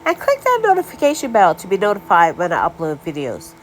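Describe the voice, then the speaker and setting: A woman's voice: fairly low pitch, huge pitch swings, a little fast, a little hiss or hum. A woman vlogging casually as she tastes her baking, chatty and prone to fillers and trailing off. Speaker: homesteading vlogger. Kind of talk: casual cooking vlog.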